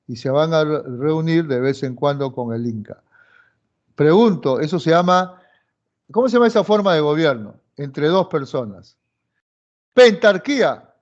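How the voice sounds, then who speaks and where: A man with a Peruvian Spanish accent teaching a history class, quizzing students and repeating his questions. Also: fairly high pitch. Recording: dull lo-fi sound.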